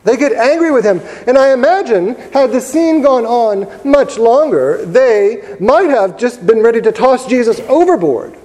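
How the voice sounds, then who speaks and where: High-voiced man preaching in a reverberant church. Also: lively intonation, warm tone. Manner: storytelling, conversational, with pauses and repeated words. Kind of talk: sermon. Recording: long reverb of a large church hall.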